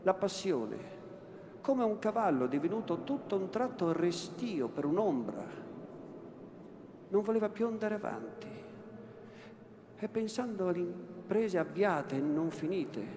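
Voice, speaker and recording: A man's voice: high voice, expressive. Man declaiming in a vast cathedral. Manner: slow, declaiming, repeating words for weight. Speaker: actor reading a novel. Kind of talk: dramatic literary reading. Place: large cathedral. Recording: echoey cathedral, long reverb, faint room noise.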